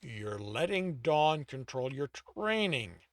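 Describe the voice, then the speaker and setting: A man's voice: fairly high pitch, huge pitch swings, moderate pace, dry recording, clean studio sound, exaggerated voice. A man voicing a wry sentient dungeon.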